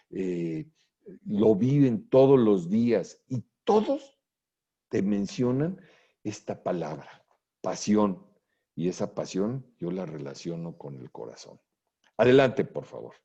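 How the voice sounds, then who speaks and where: Male motivational speaker, husky low voice, lo-fi conference recording. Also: sing-song, takes it slowly, dark tone. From Mexico. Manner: earnest motivational lecturing, addresses listener directly. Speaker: real estate speaker. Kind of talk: conference presentation.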